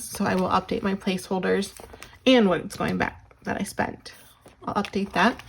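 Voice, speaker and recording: A woman hosting a budgeting vlog, counting bills aloud and thinking out loud while losing her voice. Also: medium pitch, creaky, background noise. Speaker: budgeting channel host. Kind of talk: casual counting-along vlog.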